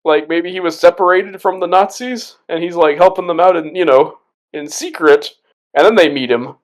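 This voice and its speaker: A man's voice: high-pitched, normal speed. A man co-hosting a casual movie commentary podcast, talking loosely with lots of fillers and laughs. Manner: rambling, laughing, filler-heavy. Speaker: podcast co-host.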